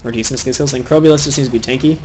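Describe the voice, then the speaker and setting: A young man giving fast, opinionated solo commentary on a video game match, critiquing the players' item choices. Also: mid-range voice, steady tone, a little mellow, a little hiss or hum, rough recording. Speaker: game caster.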